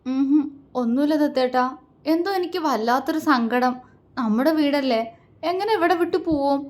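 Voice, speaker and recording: A tearful young wife from a spoken love story, her voice choked and pitched high, as a woman narrator puts her on. She sounds soft and clinging. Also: normal speed, close to an everyday voice. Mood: sad.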